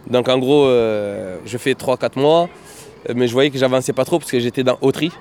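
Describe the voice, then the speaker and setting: A man's voice: medium pitch, normal speed, a little mellow, slight background noise. A man telling his life story in an easygoing, rambling way, full of fillers and "et cetera", as an interviewee sitting outdoors in his neighbourhood. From Marseille, France. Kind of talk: casual storytelling.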